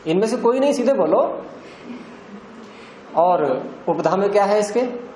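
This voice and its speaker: A man's voice: sits high, animated, warm tone. An older man teaching a classroom lecture, explaining step by step and quizzing his students. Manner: questioning students, drawn-out explanations. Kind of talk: classroom lecture on Indian philosophy and grammar. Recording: echoey classroom with faint background noise.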